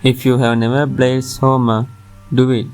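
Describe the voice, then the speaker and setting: A man's voice: mid-range voice, little pitch movement, a little slow. A man reading a scripted top ten countdown as its narrator, with music playing behind him. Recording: music under the voice.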